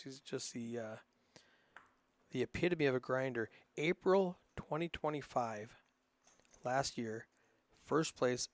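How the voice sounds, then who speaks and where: A man with a northern Minnesota accent calls live poker hands in a relaxed, rambling way, filling gaps with ums and uhs. His voice sits at an ordinary middle pitch. The sound is dry and close, with no room echo. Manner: casual, chatty, rambling with frequent fillers. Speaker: poker commentator. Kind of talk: live poker play-by-play commentary.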